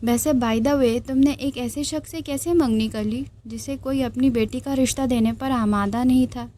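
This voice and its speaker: A woman reading aloud and voicing a calm, smug young man who talks in an offhand, teasing way. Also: high-pitched, normal speed, close to an everyday voice.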